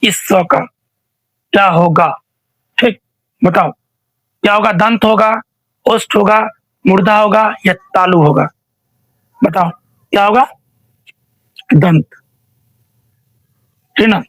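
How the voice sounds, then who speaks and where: A man's voice: high-pitched, slow pace, long pauses, fairly bright tone, dry recording, poor audio. A male teacher running an online revision quiz, asking each question again and again and prompting students to answer.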